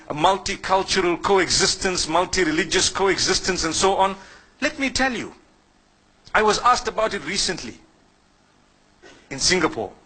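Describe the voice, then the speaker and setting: A man's voice: sits high, bright, forceful tone, breathy edge, poor audio. A man from Zimbabwe giving a sermon as an Islamic preacher, speaking conversationally and putting questions to the listeners before answering them himself.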